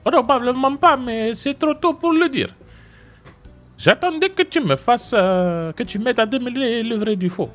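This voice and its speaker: A man with a Marseille accent voicing an excitable, high-pitched male police chief for a game. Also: measured pace, faint music behind. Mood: chatty. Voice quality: high and bright.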